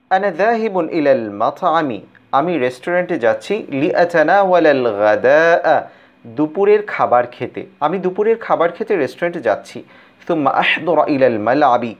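A man with a Bangladeshi accent teaching a recorded language lesson, explaining each word slowly and deliberately. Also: mid-range voice, dull audio. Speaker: Arabic teacher.

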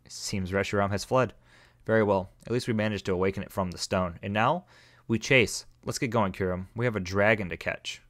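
A man voicing a calm, condescending adult cultist villain in a game let's play, explaining things in a measured way. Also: on the low side, dry recording, studio quality, close to an everyday voice. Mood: smug.

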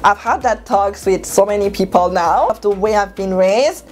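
A young woman from Cameroon giving motivational advice to camera in her bedroom, talking animatedly and jumping up in pitch for emphasis. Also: normal speed. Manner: animated, gestures a lot, jumps up in pitch for emphasis. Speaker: vlogger. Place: bedroom at home, indoors. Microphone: clip-on lapel mic.

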